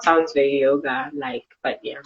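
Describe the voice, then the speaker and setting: A woman's voice: very deep voice, fairly even intonation, moderate pace, highs cut off, soft background music. A South African actress talking casually as an interview guest, chatty and peppering her talk with "you know". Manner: chatty, filler-heavy, repeats "you know".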